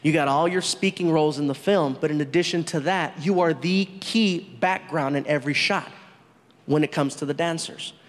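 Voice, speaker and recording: A man acting out a male film director who gives notes in a low, measured voice. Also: lightly acted. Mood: instructing. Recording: long reverb of a big hall.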